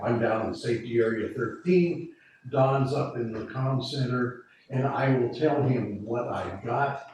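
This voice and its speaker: Recorded from far off in an echoey meeting room with a faint hiss, a man with a mid-range, darkish voice walks a committee through radio procedures. The emergency preparedness volunteer keeps rambling and starting over.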